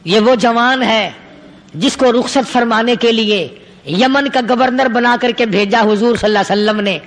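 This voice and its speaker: A man's voice: extremely high pitch, fairly bright tone, big-room sound. A man preaching a sermon in an emphatic, rhythmic way, stacking repeated phrases. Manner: emphatic, rhythmic, repetitive lists.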